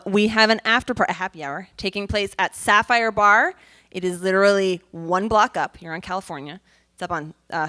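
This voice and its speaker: A woman's voice: fairly low pitch, bright, forceful tone, clean tone, dry recording. A woman hosting a conference, giving casual, chatty announcements while losing her voice. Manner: casual, chatty, loose phrasing. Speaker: conference host. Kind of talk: announcements from the stage. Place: conference stage.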